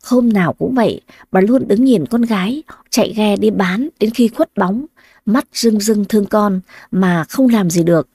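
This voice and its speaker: A woman narrating a scripted story in an even storytelling manner. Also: medium pitch, normal speed, husky, dry recording, studio quality.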